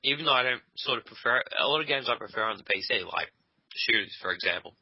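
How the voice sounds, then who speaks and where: A man's voice: medium pitch, animated, fast talker, slightly rough, no room sound. A man casually chatting and teasing his co-host while they play a game together at his computer, swearing freely. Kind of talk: casual gaming chat. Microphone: desk microphone. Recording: dull lo-fi dry sound.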